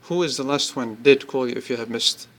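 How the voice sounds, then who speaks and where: In a mid-range voice, a man gives a casual, unscripted demo of an app, his speech halting and coming out in short bursts he pieces together as he goes.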